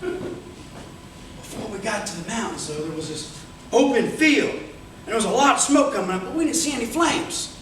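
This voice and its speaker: A man's voice: sits high, animated, fairly bright tone, heavy reverb. Male storyteller, folksy comic tall tale, theatrical delivery; distant mic in a noisy room. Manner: theatrical, with dramatic pauses and exclamations. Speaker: contestant in a tall tales speech contest. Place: indoor room with a live audience.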